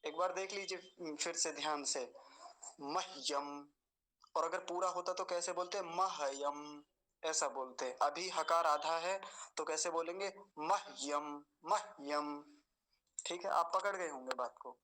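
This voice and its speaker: A man patiently teaching mantra pronunciation, slowly repeating and drawing out each word. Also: fairly high pitch, bright, forceful tone, rough recording. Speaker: Vedic recitation teacher. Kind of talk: pronunciation lesson.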